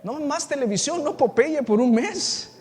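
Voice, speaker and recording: A man's voice: extremely high pitch, animated, unhurried, a little mellow, pitched above the performer's own voice. A man acting out a worried, loving mother in an anxious, pleading voice. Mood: anxious tender. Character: worried loving mother, middle-aged woman. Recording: reverberant hall with faint music.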